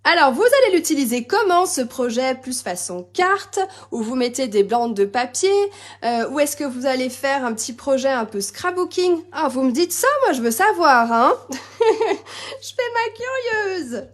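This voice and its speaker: Woman, high bright voice, chatty crafting live host, bubbly, talks to viewers while working. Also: expressive, moderate pace. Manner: chatty and bubbly, reads and answers viewer comments, laughs often. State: slightly losing her voice, coughing.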